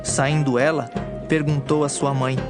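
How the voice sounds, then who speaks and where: A man reads scripture from a script in a dramatized Bible narration, his voice fairly high for a man, level in tone, and a little slow. Music plays clearly underneath him throughout.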